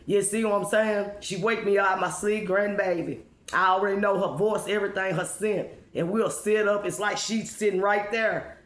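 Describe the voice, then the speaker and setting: A woman's voice: mid-range voice, fairly even intonation, moderate pace. Woman testifying in an echoey room. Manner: emphatic, repetitive, with rhetorical questions and check-ins. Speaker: spiritual speaker addressing followers. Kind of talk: informal motivational testimony.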